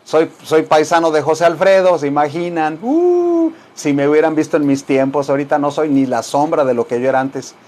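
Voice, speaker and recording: An older man from Guanajuato with a Mexican accent, teaching English to Spanish speakers in a chatty, joking way and repeating phrases slowly. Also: on the high side, animated, darkish tone.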